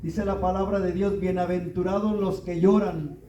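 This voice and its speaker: A man's voice: sits high, level tone, moderate pace, mellow, echoey room, distant mic, highs cut off, slight background noise. A man preaching a sermon in a church, reading scripture and asking rhetorical questions with rising emphasis.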